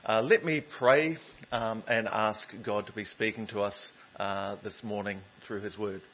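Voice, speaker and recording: Man, pastor, casual sermon, husky voice, muffled lo-fi sound. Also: on the low side, steady tone, unhurried. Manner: conversational, lots of ums and uhs. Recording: dull lo-fi sound.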